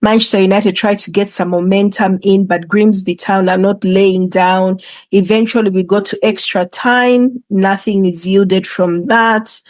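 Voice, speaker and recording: A woman's voice: mid-range voice, steady tone, a little slow, dry recording. A woman hosting a football show, commenting casually in an informal, conversational way with hesitant asides. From England. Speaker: football podcast host.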